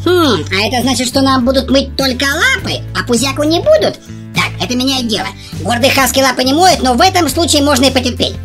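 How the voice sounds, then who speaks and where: Casting: proud cartoon husky dad, grumbly and bossy, high-pitched, quick delivery. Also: big pitch swings. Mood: grumbling. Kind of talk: scripted cartoon dog voice-over. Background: music.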